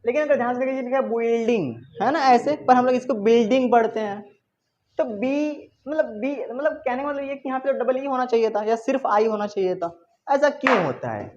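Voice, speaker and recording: A woman's voice: a little high, lively intonation, fairly quick, a little mellow, lo-fi sound. A woman teaching a classroom lesson who keeps checking with her pupils by asking "isn't it?" and plays with rhetorical questions. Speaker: English teacher.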